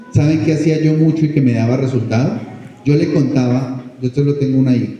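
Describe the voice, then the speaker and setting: A man talks to parents at a school workshop, telling stories and asking them questions. His voice is very dark and mellow. It rings out in a big hall with a long, echoing reverb. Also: mid-range voice, dull audio. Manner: warm storytelling, asks the audience questions. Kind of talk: informal parent workshop talk.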